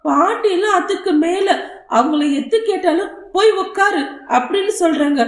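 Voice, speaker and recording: A woman's voice: very high-pitched, normal speed, pitched above the performer's own voice. A woman voicing a small, stubborn and tearful boy who pleads in a whiny child voice. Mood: pleading. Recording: roomy echo.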